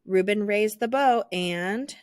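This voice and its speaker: A woman reads a children's picture book aloud in a theatrical, expressive storytelling manner. Her mid-range voice moves slowly, and the studio-quality recording has no room sound.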